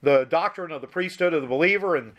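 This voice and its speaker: Higher-voiced man preaching emphatically. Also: fast, a bit bright. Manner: emphatic, conversational, with many restarts. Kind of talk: sermon with Bible reading.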